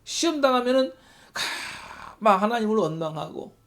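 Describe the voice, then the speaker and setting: A male pastor leads a church Bible study, reading passages aloud and turning to the congregation with questions. His voice sits high and rises and falls with a lively swing. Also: moderate pace. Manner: reads scripture aloud, asks the congregation rhetorical questions.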